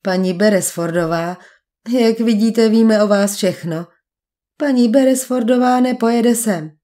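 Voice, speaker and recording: A woman's voice: on the high side, warm tone, close to an everyday voice. A woman voicing a suave male villain posing as a duke, speaking with polite, mocking menace in an audiobook. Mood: cool, taunting. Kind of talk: audiobook character voice.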